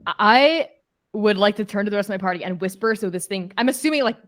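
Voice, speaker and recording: A woman's voice: medium pitch, expressive, fast talker, a bit bright. A woman playing a tabletop role-playing game, chatting casually about her moves and laughing between actions. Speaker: player.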